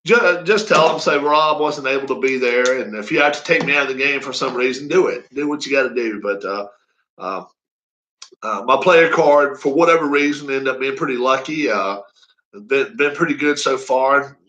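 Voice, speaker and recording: A man's voice: mid-range voice, normal speed, pushed and bright, muffled recording. A man in his fifties chatting casually on a live stream, rambling and folksy with frequent chuckles. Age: 50s. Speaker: racing league streamer.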